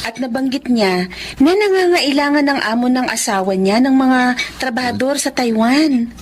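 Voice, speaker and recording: Lady doing a sweet teasing young wife in a radio drama, high bouncy voice. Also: expressive, moderate pace, a little hiss or hum. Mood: eager. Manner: affectionate, teasing. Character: young wife and mother, loving and decisive.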